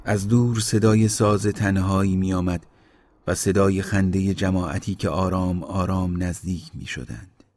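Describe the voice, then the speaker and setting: A man reading a literary story aloud in a slow, measured narration that sinks quieter in grim passages. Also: sits low, fairly even intonation.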